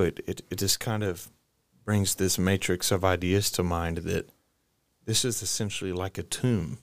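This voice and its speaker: Lower-voiced man, slangy scripture retelling. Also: no echo. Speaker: podcast co-host. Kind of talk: casual Bible study discussion.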